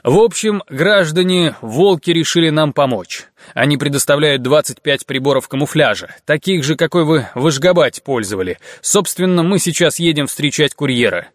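A man's voice: a little high, animated, moderate pace, few pauses, no room sound, studio quality, pitched above the performer's own voice, close to an everyday voice. A man reading an audiobook and voicing a brash, jolly male driver who talks in cheerful slang.

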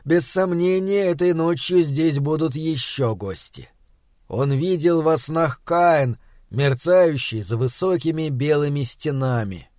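Guy reading a fantasy audiobook, kinda high voice, measured pace, dead dry studio. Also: lively intonation, darkish tone, dry recording. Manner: measured storytelling. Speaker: audiobook narrator. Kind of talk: scripted narration.

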